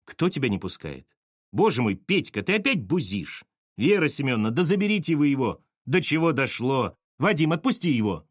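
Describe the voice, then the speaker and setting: An exasperated young woman scolds and barks orders, as a male reader voices her. Her voice swings with lively emphasis. The reading is close and dry. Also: mid-range voice, moderate pace, slightly rough, no room sound. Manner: scolding, exclamatory.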